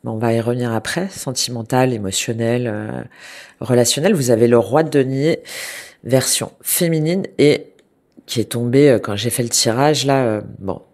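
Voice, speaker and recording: Congested from a cold, this woman gives her viewers a tarot reading in a rumbling low voice at normal speed. She stumbles through plenty of fillers and restarts but keeps reassuring them gently.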